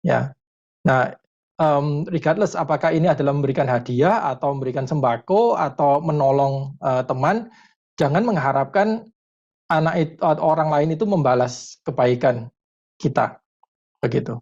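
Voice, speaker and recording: A man's voice: a little high, animated, a little mellow, dull audio. Man giving parenting advice over a video call. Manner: thoughtful, pauses with many fillers, mixes in English terms. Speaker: parenting educator answering questions. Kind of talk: webinar consultation answer.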